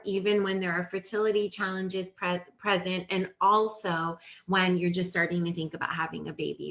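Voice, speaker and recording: A woman's voice: on the low side, fairly bright tone. A woman in her forties hosting a live-streamed fertility Q&A, explaining things earnestly and thinking aloud with small restarts. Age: 40s. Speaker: host of a fertility Q&A. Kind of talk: live-streamed advice talk.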